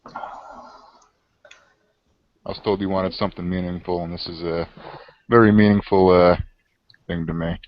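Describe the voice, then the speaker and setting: Man playing an earnest deep-voiced vampire. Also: little pitch movement, moderate pace, pauses often, a little hiss or hum, natural voice. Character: earnest male vampire giving a gift. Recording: muffled, dry lo-fi.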